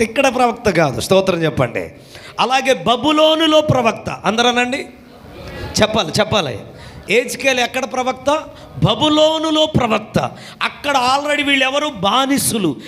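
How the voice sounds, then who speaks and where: A male pastor preaching a call-and-response revival sermon, often shouting for amens and clapping, his pitch swinging widely. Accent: Telugu. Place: church gathering.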